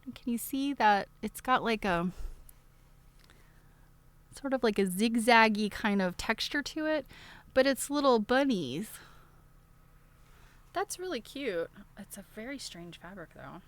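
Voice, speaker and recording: Hosting a casual unboxing stream, a woman shows items, thinks aloud and rambles, putting questions to viewers in a chatty show-and-tell. Her voice is on the high side with lively intonation, unhurried and full of pauses, and there's no echo.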